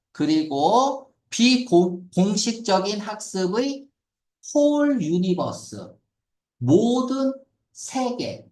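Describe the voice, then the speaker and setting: A man's voice: sits high, darkish tone, roomy sound. A man teaching an English reading passage as a lecture, questioning the class and mixing English words into his explanations.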